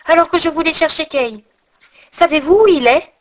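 A woman's voice: high-pitched, normal speed, pitched above the performer's own voice, natural voice. A woman reading as an eager little girl. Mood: anxious. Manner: earnest, pleading. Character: eager little girl searching for her friend. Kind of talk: storybook reading.

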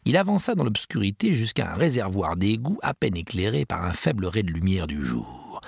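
Man reading a storybook with gravelly warmth. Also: on the low side, normal speed, no room sound, studio quality. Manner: expressive, lively storytelling. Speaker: narrator.

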